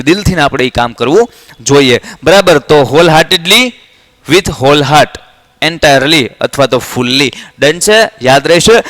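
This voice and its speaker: A young man with a Gujarati accent teaches a vocabulary lesson. His voice sits high for a man, and the sound is dry and close. He says each word slowly and keeps asking students whether they will remember it. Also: fairly bright tone, dry recording. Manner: drills words slowly, asks students to repeat. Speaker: English tutor. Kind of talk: vocabulary lesson for exam prep.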